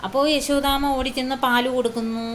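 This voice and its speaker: A woman's voice: high voice, level tone, a bit bright, a little hiss or hum. Woman telling a devotional story. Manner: unhurried, with many fillers and questions to listeners.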